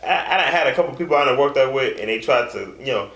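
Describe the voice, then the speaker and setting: Talking fast in an expressive, somewhat bright medium-pitched voice, this young man co-hosts a laid-back fitness conversation. His speech is loose and full of trailing fillers, captured in an echoey room.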